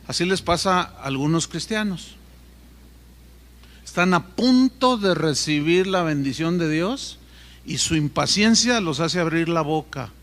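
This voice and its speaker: Pastor preaching, animated storytelling, high bright voice, echoey church. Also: male voice, unhurried. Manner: animated storytelling, asides to the congregation. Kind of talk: sermon.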